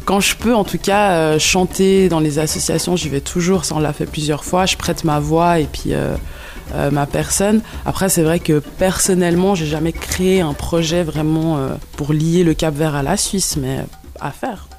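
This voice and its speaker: Hesitant gravelly-voiced woman singer. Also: sits low, normal speed. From Switzerland and Cape Verde. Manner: hesitant, many fillers, relaxed. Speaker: singer, interview guest. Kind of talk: casual interview answers.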